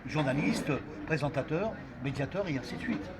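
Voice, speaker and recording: A man's voice: on the high side, lively intonation, normal speed. A man in a casual group debate at an outdoor café, insistently holding the floor to make his point. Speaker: discussion participant. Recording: loud street noise outdoors.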